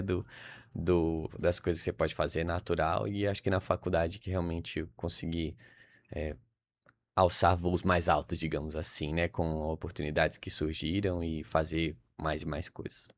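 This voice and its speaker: A young man from Salvador with a Brazilian accent is a podcast guest in a casual interview, thinking aloud and using frequent tag questions. His voice sits low, and the studio-quality audio has no echo.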